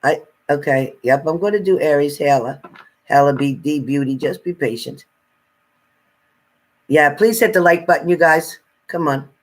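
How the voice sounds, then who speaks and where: Speaking at normal speed, a man from New Jersey reads tarot on a casual livestream, his voice somewhat high. He frequently laughs, gives viewers friendly advice, and welcomes and thanks them by name.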